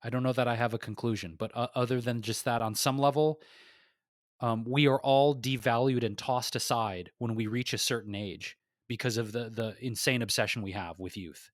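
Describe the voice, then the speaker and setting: A man rants on a podcast he co-hosts. He sounds heated and restless, swears freely and keeps restarting his sentences. His voice sits at an ordinary male pitch and is recorded dry and close. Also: fairly even intonation, normal speed, dry recording. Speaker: podcast co-host. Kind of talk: impassioned casual podcast talk.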